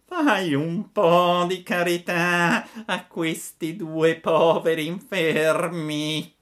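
A man voicing an old, ruined female fox who begs in a whining, drawn-out voice, in a storybook reading. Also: on the high side, steady tone, a bit bright, voice pushed up.

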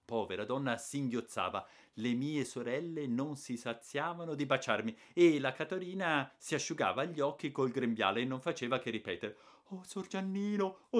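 A man reading a children's novel aloud as an expressive audiobook narrator. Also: mid-range voice. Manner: expressive, lively storytelling.

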